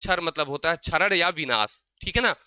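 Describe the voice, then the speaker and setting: A young man teaching an exam-prep grammar lesson. He keeps asking his own questions and answering them, and he slows down to spell out sounds. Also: on the high side, lively intonation, sharp tone, clean tone, dry recording.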